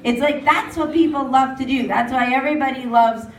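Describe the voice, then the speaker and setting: High-voiced woman doing stand-up in a pub. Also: a little fast. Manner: animated, mocking voices of others. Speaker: stand-up comic. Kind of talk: stand-up comedy set. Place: pub at an open mic. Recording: roomy pub sound from far off.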